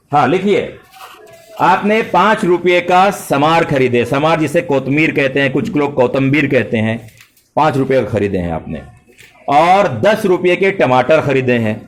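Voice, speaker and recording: A man's voice: on the high side, slight background noise. A middle-aged man teaching math to a full classroom of children, speaking politely and praising them. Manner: addresses students with polite forms and praise.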